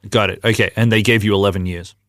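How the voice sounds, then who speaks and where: A man hosts a podcast interview and asks his questions in an easygoing, prompting way. His voice is fairly low and a little hesitant, with the odd um. The sound is dry and close, with no room echo. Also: fairly even intonation, fast, a bit bright. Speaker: podcast host.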